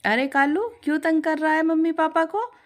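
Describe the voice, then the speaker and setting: A woman's voice: a little high, unhurried, voice pushed up, lightly acted. Woman playing a cheerful young bride. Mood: fond. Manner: affectionate, coaxing. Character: cheerful young bride, fond of her parrot.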